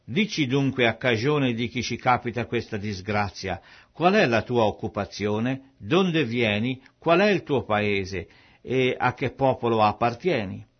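A man's voice: medium pitch, lively intonation, measured pace, breathy edge. A man reading the words of terrified sailors in a storm, alarmed and pleading, on a dull lo-fi recording. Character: terrified group of male sailors.

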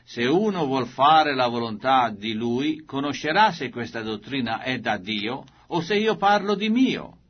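A man reads the part of a grave male teacher who speaks to a crowd with slow, weighty emphasis. The voice is husky, at a middle pitch. The recording is muffled and lo-fi, in the manner of an old scripture reading. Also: very animated. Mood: solemn. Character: solemn male religious teacher addressing a crowd.

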